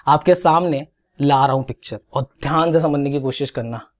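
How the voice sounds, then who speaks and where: A young Indian man teaches an exam-prep English grammar lesson in a fairly high voice at a moderate pace. Working as an English teacher, he animatedly coaxes students to repeat words after him, drilling and correcting their pronunciation.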